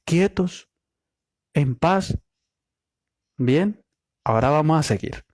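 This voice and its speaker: A man teaching a Bible study, slow and emphatic, listing word meanings one by one and answering his own questions. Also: fairly high pitch, expressive, darkish tone, no room sound, clean studio sound. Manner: asks the listeners questions and answers them himself.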